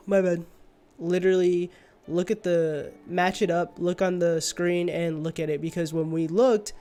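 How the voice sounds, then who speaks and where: A man's voice: sits high, fairly even intonation, a little slow, mellow. A young man chatting casually on a livestream, drowsy and rambling, often trailing off mid-thought. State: sleepy. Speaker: streamer. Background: faint music.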